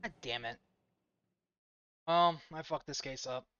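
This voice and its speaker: Bright-voiced young man swearing on stream. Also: medium pitch, measured pace, lo-fi sound. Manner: slangy, sweary. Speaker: video game streamer. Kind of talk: casual live game commentary. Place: indoors at a gaming chair, headset on.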